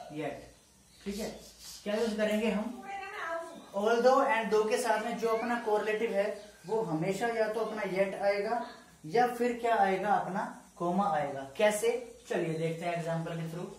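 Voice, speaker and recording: A man teaching grammar, talking slowly and deliberately, dictating example sentences word by word and often checking that the class follows. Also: sits high. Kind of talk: explaining grammar in a lesson. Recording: echoey room, far from the mic, faint ambient noise.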